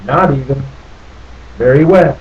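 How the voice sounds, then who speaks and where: Reading a children's story aloud, a man lingers theatrically over phrases in an expressive, unhurried delivery. His medium-pitched voice sounds a little mellow, with the highs cut off, and there's noticeable background noise.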